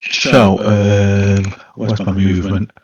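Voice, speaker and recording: A man's voice: fairly low pitch, little pitch movement, slow pace, muffled recording, background noise. A man talking casually as a player in a tabletop game.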